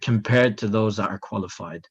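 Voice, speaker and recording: Hesitant low-voiced man, lo-fi audio. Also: moderate pace, husky. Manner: hesitant, many fillers, apologetic. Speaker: moderator reading out questions. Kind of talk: reading audience questions. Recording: dull lo-fi audio.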